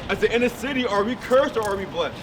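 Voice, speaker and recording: Out on a city street, a man preaches emphatically in a high, lively voice, talking fast and firing questions at his listener. The mic is distant and loud traffic noise fills the recording.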